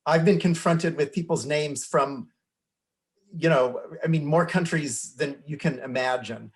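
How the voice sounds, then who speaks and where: A man's voice: fairly high pitch, a little slow. An older man, a teacher of forty years, speaking earnestly and instructively in a panel discussion.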